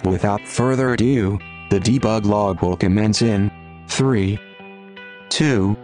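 Male computer voice as a gentle, calm robot announcer, performed by a man; low, flat text-to-speech tone over soft guitar. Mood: calm, reassuring. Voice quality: flat, measured robotic delivery. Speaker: podcast intro announcer. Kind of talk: scripted intro announcement.

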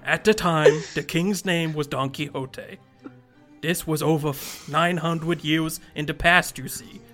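A small, grave fairy king recounts his people's suffering in a soft, babyish voice, as a podcast host puts him on. The voice sits a little high for a man. Faint music plays underneath. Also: steady tone, a little slow. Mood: solemn storytelling. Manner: baby voice telling a tragic history. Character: tiny old fairy-folk king, grave, sorrowful. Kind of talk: comic read-aloud on a podcast.

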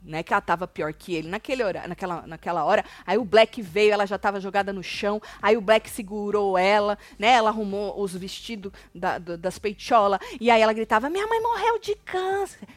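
A young woman hosting a casual gossip commentary, telling the story with lively acted-out quotes. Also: medium pitch, a little fast, hardly any pauses, no echo, faint music behind. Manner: animated storyteller, acts out quotes. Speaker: host.

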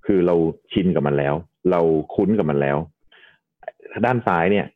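A man with a very deep voice speaks as a doctor guest on a podcast. He explains injuries patiently, one step at a time, with polite softeners. His voice comes through a thin, phone-like line. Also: expressive, moderate pace.

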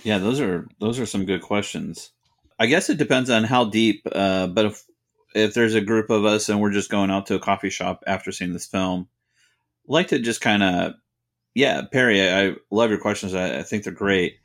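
Easygoing male podcast co-host, somewhat deep with a gravelly edge, chatting casually. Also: normal speed, a bit bright.

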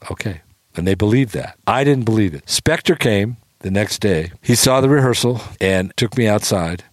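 A man's voice: lowish voice, dry recording, clean studio sound. A man casually telling a long anecdote, acting out quotes and swearing freely. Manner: animated storyteller, acts out quotes, swears freely. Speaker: storytelling guest.

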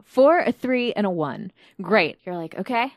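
Lively woman running a tabletop game. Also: mid-range voice, slow pace, no echo, clean studio sound. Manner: lively, laughing, playful. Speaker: game master.

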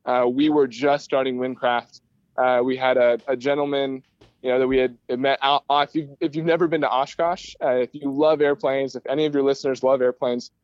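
An American man from Michigan, founder of an aerospace start-up, speaks conversationally as an interview guest, explaining things with rambling enthusiasm. His voice is slightly high and a little mellow, and the audio is dull with no echo.

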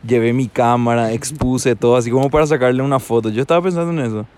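Man, casual storytelling, halting, self-mocking laughs. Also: mid-range voice, fairly even intonation, darkish tone. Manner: halting, restarts, laughs at himself. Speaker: traveler telling a story.

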